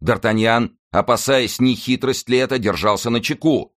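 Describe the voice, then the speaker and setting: A man narrating an adventure audiobook in a measured, dramatic way. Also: mid-range voice.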